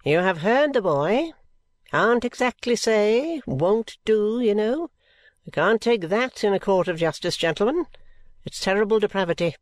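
A man voicing a brisk, impatient male coroner who talks in a curt, dismissive, lecturing way. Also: high voice, animated, dry recording, voice pushed up.

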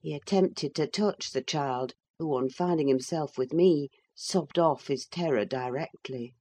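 Slow, low-voiced woman narrator. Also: warm tone. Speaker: audiobook narrator. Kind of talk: first-person storybook narration.

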